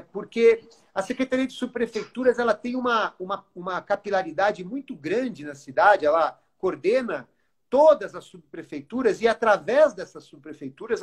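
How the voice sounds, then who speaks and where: A man's voice: high voice, husky. A Brazilian man, a city culture official, speaking earnestly in a live online interview, with frequent fillers and restarts. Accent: Brazilian Portuguese.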